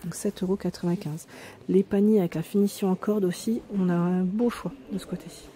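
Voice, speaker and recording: A woman filming herself as she walks through a discount store, reading out prices and pausing now and then to check the labels. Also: fairly low pitch, steady tone, mellow. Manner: chatty, pauses to check labels, reads prices aloud. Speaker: vlogger touring a discount store. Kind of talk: casual store-walk commentary. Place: inside a large retail store.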